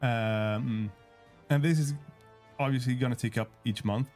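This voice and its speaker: A non-native English speaker who develops games demonstrates a strategy game in a casual livestream walkthrough. He talks at a measured pace in a steady, darkish, mid-range voice, often hesitating with fillers and restarts while faint music plays.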